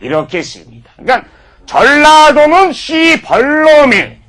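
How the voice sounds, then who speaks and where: A man's voice: very high-pitched, sing-song, measured pace, a bit bright. A man giving a mock-formal comedy lecture, peppered with profanity.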